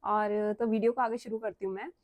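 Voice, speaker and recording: A woman's voice: medium pitch, fairly even intonation, a little fast, a little mellow, no room sound. A young woman from Uttarakhand, vlogging at home, chatty and earnest, pressing her points with rhetorical questions. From Uttarakhand, India. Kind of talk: casual vlog talk to camera.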